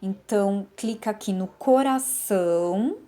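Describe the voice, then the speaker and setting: Woman, literacy teacher, slow careful explainer, middle pitch, talking to her class from home. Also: dark tone, faint music behind. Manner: patient, slow, clear word-by-word explaining. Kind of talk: online lesson demonstration.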